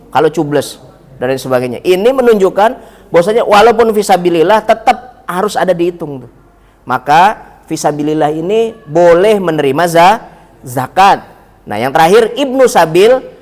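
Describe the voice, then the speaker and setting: A man teaching a religious study class in a mosque, with a humorous, anecdotal manner, turning often to the listeners as Pak and Bu. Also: high voice. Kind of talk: mosque study-circle lecture.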